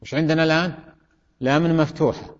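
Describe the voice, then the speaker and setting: A man's voice: fairly high pitch, fairly even intonation, fast talker. A male teacher gives a grammar lesson in a classroom, asking questions and repeating his students' answers. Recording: dull recording in a reverberant hall.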